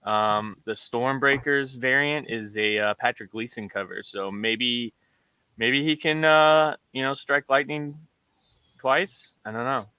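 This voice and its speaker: On a dry, low-quality recording, a comic show co-host speaks slowly and smoothly at medium pitch. The talk is casual and relaxed, with many fillers while he shows comic covers for the order show.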